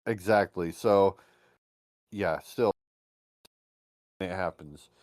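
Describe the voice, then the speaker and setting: A man co-hosting a podcast in casual chat, animated and crude, often swearing and slipping into mocking voices. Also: sits low, very slow, dry recording, studio quality. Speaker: podcast co-host.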